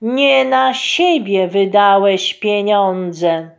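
A woman's voice: medium pitch, gravelly. A woman doing a stately enchanted princess. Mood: solemn. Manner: slow, solemn, measured. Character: enchanted golden duck princess, regal and stern.

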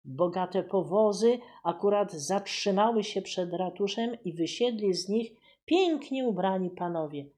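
A woman's voice: medium pitch, unhurried, few pauses, mellow. A woman reading a children's story aloud, explaining old words along the way.

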